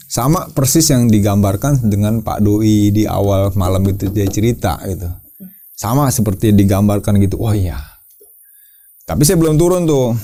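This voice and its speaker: Low, mellow man telling a story. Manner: lively, repeats words, acts out shouts with a jump in pitch. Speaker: caving team leader telling his story as a guest. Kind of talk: casual storytelling to an interviewer.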